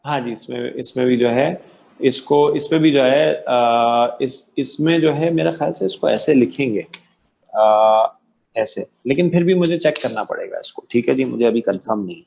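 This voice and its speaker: A man's voice: mid-range voice, gravelly, darkish tone. A man teaching an online Arabic grammar class, quizzing students patiently and affirming their answers. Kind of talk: interactive online class lecture.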